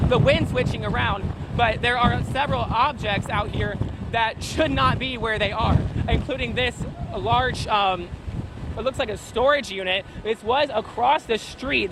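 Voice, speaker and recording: High-voiced man reporting over roaring wind. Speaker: storm reporter in the field. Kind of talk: live breaking weather reporting. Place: outdoors on a roadside in hurricane wind. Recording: very loud wind noise on microphone. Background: wind gusts and roaring.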